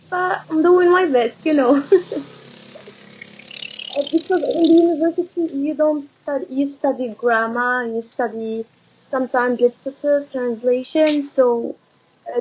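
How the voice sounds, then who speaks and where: A young Moroccan woman, a native Arabic speaker with a Moroccan accent, chats casually as a guest on a video call, laughing often between thoughts and using many fillers and restarts. Her voice is high-pitched with a darkish tone, captured by a phone camera in muffled, lo-fi video call audio with slight background noise.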